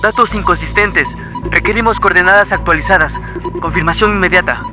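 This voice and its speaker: An actor playing an airline pilot calling control from the cockpit, speaking in clipped, urgent radio procedure. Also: male voice, sits high, fairly quick, music in the background, close to an everyday voice. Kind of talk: scripted drama acting.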